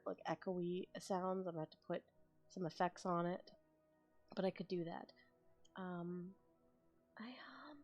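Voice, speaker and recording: A tired young woman streaming, chatting casually and thinking out loud with frequent laughs. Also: on the low side. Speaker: ASMR streamer. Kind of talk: casual chat on a live stream.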